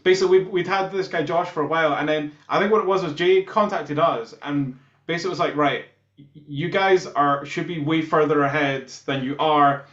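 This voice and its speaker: Talking a little fast in a fairly bright, high-leaning voice, a guitarist from a Scottish band tells stories as a relaxed interview guest. The video-call audio comes through muffled and roomy.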